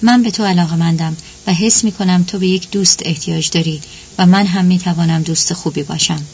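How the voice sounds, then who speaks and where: A kind, earnest man speaks gently and sincerely to a friend, as a woman narrator reads his lines. The voice stays on the low side. The recording is dull and lo-fi, with a faint hum. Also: fairly even intonation, lightly acted.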